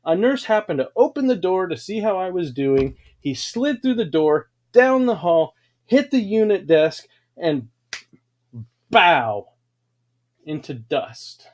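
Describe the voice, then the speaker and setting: A livestream host with a high, sing-song voice speaks slowly, spinning grand, boastful tales. His delivery is dramatic and preachy, a kind of grandiose motivational storytelling.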